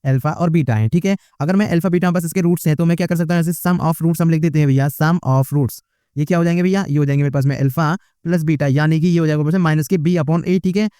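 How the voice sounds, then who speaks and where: Fast-talking man tutoring maths. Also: fairly high pitch, mellow, clear, resonant tone, no room sound, studio quality. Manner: chatty, keeps saying "ठीक है" and "भैया". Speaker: math tutor. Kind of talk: maths lesson walkthrough.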